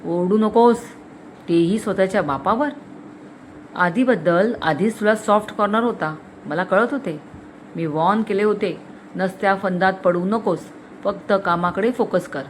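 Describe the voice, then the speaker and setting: A woman's voice: mid-range voice, unhurried, a little hiss or hum, lightly acted, rough recording. Woman playing a stern, cold father. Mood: harsh. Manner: cold, scolding, harsh. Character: stern cold-tempered middle-aged father.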